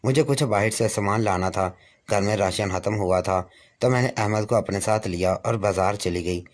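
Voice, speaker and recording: Low-voiced man narrating a moral story.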